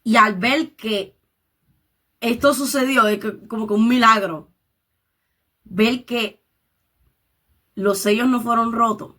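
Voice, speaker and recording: A woman's voice: a little high, fairly even intonation, takes it slowly, long pauses, bright, forceful tone. A woman leading a Bible study, reading scripture aloud and explaining it in her own words, dropping in English interjections. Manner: reads scripture aloud and paraphrases it.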